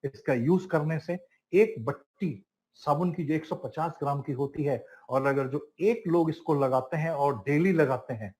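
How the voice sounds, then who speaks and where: In a product training class, a man with an unhurried, darkish voice on the high side lists items one by one with rising stress. He's emphatic, calls his listeners friends and asks them questions, though the audio is poor.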